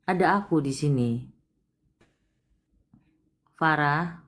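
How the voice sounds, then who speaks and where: Low-voiced woman consoling a caller. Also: slow pace, very noisy. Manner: soothing, calls listener sayang often. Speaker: palm reader host. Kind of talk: live stream reading and consoling.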